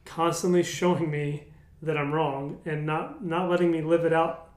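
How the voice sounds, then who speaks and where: A man's voice: on the high side, normal speed. Candid man, raised voice, echoey room. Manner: candid, self-deprecating, many restarts. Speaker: podcast co-host. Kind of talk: casual faith discussion.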